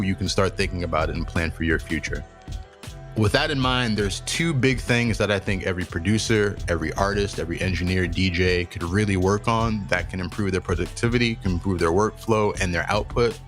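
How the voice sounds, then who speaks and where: A young adult man hosting a podcast, telling stories and giving career advice in a casual, profane, animated way. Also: low voice. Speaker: podcast host.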